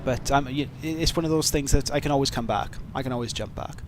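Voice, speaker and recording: Speaking briskly at a medium pitch, a man from Wales with a thick accent chats on his livestream, working through viewer questions in a rambling, self-deprecating way packed with fillers. Background noise is audible.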